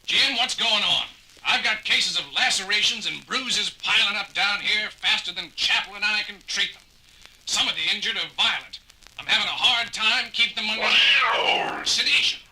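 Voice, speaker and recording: A harried ship's doctor in an audio drama, blunt and worried. His voice is high and very bright, with a hard edge. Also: moderate pace, heavily acted, poor audio.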